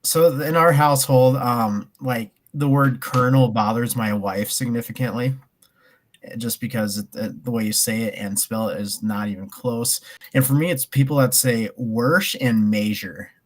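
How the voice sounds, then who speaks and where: A man's voice: mid-range voice, fairly even intonation, normal speed. A man co-hosting a casual sports betting chat, rambling with frequent ums and restarts. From American Midwest. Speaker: podcast co-host.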